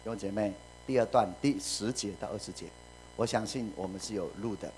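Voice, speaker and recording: A man preaching a sermon, lively, laughing and mimicking voices, then dropping to a quiet hush. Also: fairly low pitch, fairly quick, slight background noise. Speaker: pastor.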